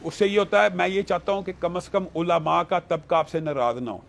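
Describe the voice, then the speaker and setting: A man's voice: high voice, expressive, vocal fry. Earnest male scholar arguing a point. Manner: earnest, argumentative, quotes scripture. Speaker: religious scholar. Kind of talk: panel discussion.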